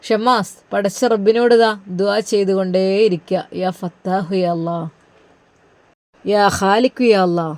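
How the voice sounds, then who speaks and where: Narrator doing a gentle consoling religious elder. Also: male voice, fairly even intonation, a little slow. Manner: soothing, reassuring, a touch higher. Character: kindly older religious elder, calm and consoling. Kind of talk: storybook narration.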